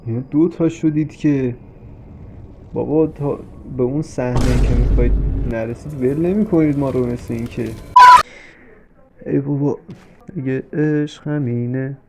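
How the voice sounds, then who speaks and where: A young man giving comic commentary while he plays a game. He talks to the characters on screen and jumps from mock soothing to sudden shouting. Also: medium pitch, long pauses, heavy background noise. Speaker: gameplay commentator. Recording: game music under the voice. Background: game music.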